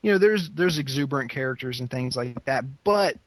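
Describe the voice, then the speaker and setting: A man's voice: medium pitch, animated, brisk, dry recording, rough recording. Hesitant man with a dry, close sound. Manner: hesitant, full of fillers. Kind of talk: casual book discussion.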